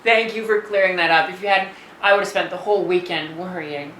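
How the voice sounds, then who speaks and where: Comedy series: a man as a sarcastic, teasing young guy with dry mocking wit, a bright tone, in a roomy space. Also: sits high, fairly even intonation, a little fast, recorded from a distance, a little hiss or hum. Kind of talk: comedy web series acting. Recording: roomy echo, heard from off the mic.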